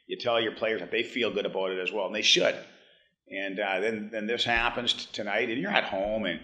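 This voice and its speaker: Brief: man in his 50s, hockey head coach, postgame press room, halting and blunt, bright timbre. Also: fairly low pitch, fairly even intonation. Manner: halting, restarts often, blunt and frank. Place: press room in front of a team backdrop.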